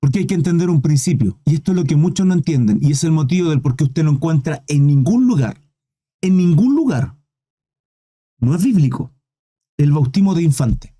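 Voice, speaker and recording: A man preaching with fervor, his voice pitched high yet mellow and dark in tone. He drives his points home with rhetorical questions and keeps turning to his listeners as brothers. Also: animated, a little fast. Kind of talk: sermon.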